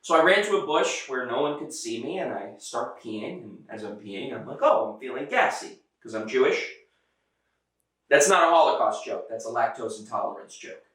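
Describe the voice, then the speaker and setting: A man in his twenties telling a stand-up comedy story in a theatrical, exasperated way with dramatic pauses. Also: mid-range voice, animated, fairly bright tone. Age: 20s. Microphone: handheld microphone. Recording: very echoey, somewhat distant sound.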